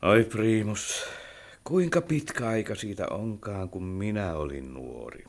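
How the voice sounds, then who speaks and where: An aging architect in a radio drama, his low voice rising and falling with wide swings. He gives orders sternly and then turns wistful and kind. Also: lively intonation. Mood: gentle. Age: older. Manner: commanding, then wistful and gentle. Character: aging male architect, stern yet tender. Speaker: old architect character. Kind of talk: radio play acting.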